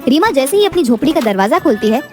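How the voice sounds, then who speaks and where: A woman narrating a cartoon storybook in a steady, plain storytelling manner. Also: sits high, quick pace, over music.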